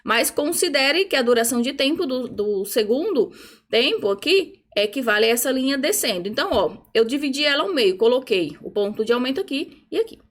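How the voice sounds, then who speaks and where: A woman's voice: high voice, sing-song, a little fast. A woman music teacher patiently explaining a rhythm exercise, checking in often and chanting rhythm syllables. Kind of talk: online music theory lesson.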